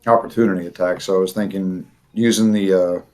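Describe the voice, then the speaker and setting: A man's voice: sits low, steady tone, a little fast, a little mellow. A man chatting casually as a player in a tabletop game, rambling with many fillers and restarts.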